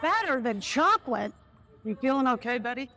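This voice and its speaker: A woman's voice: high-pitched, very animated, moderate pace, pushed and bright, heavily acted. A woman playing a peppy, wisecracking school lunch lady heroine in a hammy comic skit, full of exclamations. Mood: dry, puzzled. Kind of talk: live comic audiobook-style skit.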